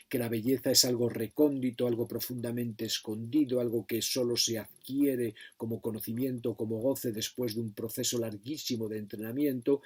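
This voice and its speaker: A man's voice: mid-range voice, a little mellow, slightly rough. A middle-aged man giving a recorded philosophy lecture to his students, thinking aloud with frequent fillers and self-corrections.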